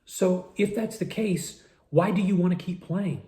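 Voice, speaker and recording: Man, vlogger type, warm low-key voice, musing monologue while eating, echoey room. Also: measured pace. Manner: musing, talks with mouth full, repeats words. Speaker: vlogger eating a meal on camera.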